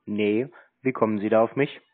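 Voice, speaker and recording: A man's voice: lowish voice, fairly even intonation, normal speed, no room sound. Dry, curt man on a tinny phone line. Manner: dry, curt, keeps correcting the caller's informal address. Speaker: person receiving cold calls. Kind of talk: casual phone conversation.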